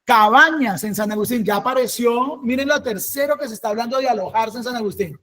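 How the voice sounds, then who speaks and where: A workshop facilitator with a Colombian accent steps through search results while thinking aloud. Pauses are filled with hesitations. Short tag questions to the audience keep coming to make sure everyone is following. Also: medium pitch, bright, forceful tone.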